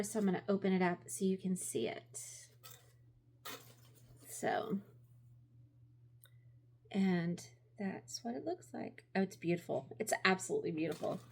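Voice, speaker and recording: A woman's voice: lowish voice, vocal fry. A woman chatting casually in a show-and-tell craft vlog, gushing appreciatively over the things she shows. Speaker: craft vlogger.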